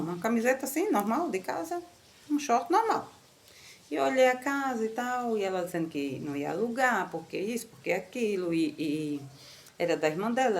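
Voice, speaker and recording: Brazilian woman preacher, strong loud voice, storytelling with pitch leaps on quotes. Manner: animated, storytelling, jumps to high pitch when quoting. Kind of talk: sermon.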